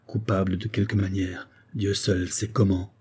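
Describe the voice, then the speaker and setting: A stubborn young captain in a period novel, grieving and brooding, his voice low, dark and husky, his words measured and grave, as a male narrator gives him voice. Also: little pitch movement.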